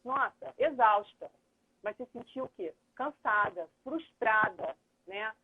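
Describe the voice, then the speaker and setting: Middle-aged woman, earnest lawyer-mediator guest, husky, heard over a phone-like live stream. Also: a little high, lively intonation, slow. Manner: earnest, thinks aloud, acts out dialogue. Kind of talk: explanatory live chat. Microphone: phone or computer on a video call. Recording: tinny phone-like livestream audio.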